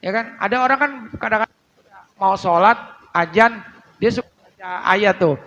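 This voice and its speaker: A male preacher, giving a religious lesson and drilling pronunciation by slowly repeating and correcting words. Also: high-pitched, pushed and bright, lo-fi sound. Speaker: Islamic preacher teaching prayer recitation. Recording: long hall reverb.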